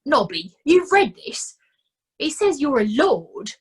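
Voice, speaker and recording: A woman's voice: high voice, sing-song, takes it slowly, voice pushed up, exaggerated voice. A woman doing a fussing, kindly old sergeant. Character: kindly, slow-witted male sergeant.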